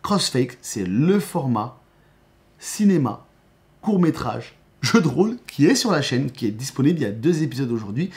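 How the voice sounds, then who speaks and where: A man's voice: mid-range voice, sing-song, normal speed, a little mellow. A man, a YouTube host and game master, giving a casual channel update with enthusiasm and frequent restarts.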